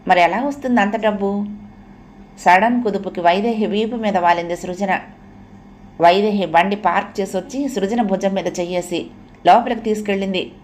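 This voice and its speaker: A woman's voice: mid-range voice, a little hiss or hum. Woman narrating an audio novel.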